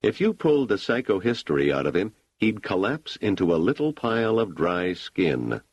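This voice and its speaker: A man's voice: fairly low pitch, sing-song, normal speed, no room sound, lo-fi sound. A man reading an audiobook, voicing a skeptical grown son who talks bluntly with dry sarcasm. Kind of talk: audiobook character voice.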